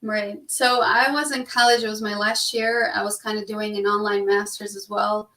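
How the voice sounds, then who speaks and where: Friendly and easygoing, the young Albanian real estate investor laughs readily during a casual talk show interview. Her mid-range voice has a sharp edge and a level tone, moving at a moderate pace. It reaches us through distant, roomy remote call sound.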